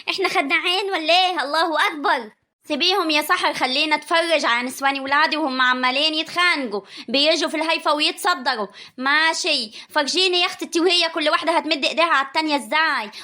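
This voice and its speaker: A woman's voice: high voice, bright, forceful tone. Woman playing a bossy rural mother-in-law. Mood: scolding. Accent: rural Egyptian. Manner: scolding, exasperated, ordering everyone about.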